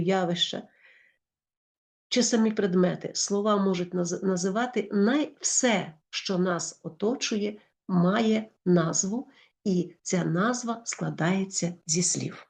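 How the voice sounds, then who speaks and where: Ukrainian woman, schoolteacher, lively explanatory delivery with frequent self-corrections. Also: medium pitch. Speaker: teacher.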